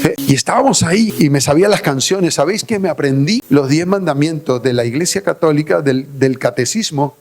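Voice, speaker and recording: Male pastor, fairly high gravelly voice, emphatic church sermon with call-and-response. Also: a little mellow. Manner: personal testimony and closing prayer. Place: church service.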